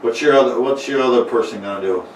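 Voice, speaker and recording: A man runs a home tabletop game, narrating in a halting way, full of fillers and false starts. His voice is of middling pitch. It sounds distant and roomy, with a faint hiss of noise underneath. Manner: halting, many fillers and restarts. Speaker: game master. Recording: echoey room, mic far off, faint noise.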